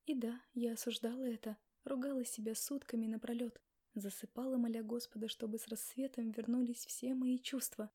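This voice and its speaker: A woman narrating a first-person novel in a quiet, reflective way. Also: on the high side, steady tone, brisk. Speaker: audiobook reader.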